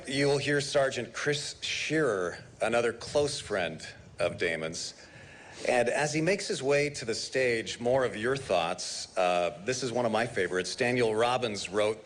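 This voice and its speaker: A man's voice: medium pitch, expressive, a little slow, slight background noise. A man hosting a live radio broadcast of a memorial, reading listener messages aloud. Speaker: radio host.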